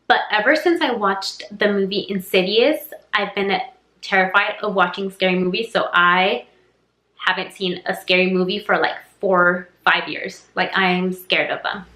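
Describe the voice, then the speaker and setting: Speaking at a normal speed with a medium-pitched, pushed and bright voice, this young woman answers get-to-know-me questions for her YouTube channel. She's a native Spanish speaker who rambles chattily, filling her talk with "like" and "um," and the room she's in echoes.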